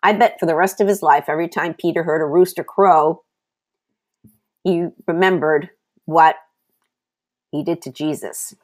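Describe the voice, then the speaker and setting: A woman hosting a Bible teaching podcast, telling the stories in an animated way and adding conversational asides. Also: sits low, moderate pace, long pauses.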